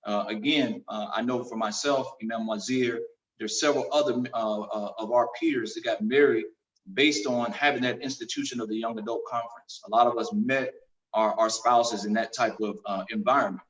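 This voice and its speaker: Imam guy on a video call, echoey room, sits back from the mic, slow careful talk with lots of uhs. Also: medium pitch, steady tone, fairly bright tone. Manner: measured, with frequent pauses and fillers. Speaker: imam on a panel. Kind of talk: panel discussion. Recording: roomy video call audio from far off the mic.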